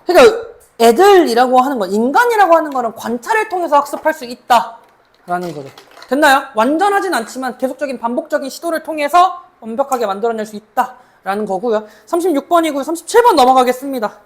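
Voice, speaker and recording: A woman lecturing as a cram school English teacher, reading English sentences slowly, then explaining them in Korean and checking in with her students. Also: high voice, big pitch swings. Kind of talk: mock exam explanation lecture.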